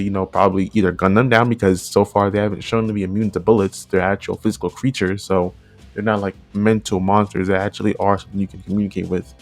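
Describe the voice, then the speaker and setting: A video creator narrates in a deep voice with vocal fry, his commentary casual and unscripted. He rambles, frequently repeating and rewording what he's just said.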